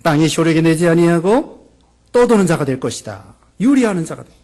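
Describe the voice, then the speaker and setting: A man preaching a sermon as pastor of a church, emphatic, stacking verbs in long lists and swinging between urgent high emphasis and quiet low asides. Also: very animated, brisk. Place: church sanctuary.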